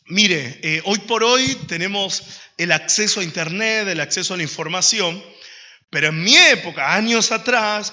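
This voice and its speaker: A young man, a pastor, preaching a lively sermon to his congregation with a strong, powerful voice and jokes along the way. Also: sits high, highs cut off. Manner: animated storytelling with jokes and laughter. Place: church hall. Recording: long church-hall reverb.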